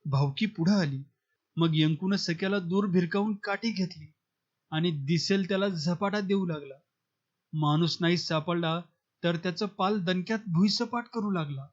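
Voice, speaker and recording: High-voiced man reading a novel. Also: moderate pace, highs cut off. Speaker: audiobook narrator.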